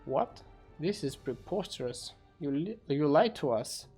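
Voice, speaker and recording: A man's voice: fairly high pitch, lively intonation, unhurried, mellow, soft background music. A man voicing an indignant, hot-tempered demon warlord who protests formally in an amateur fantasy game story.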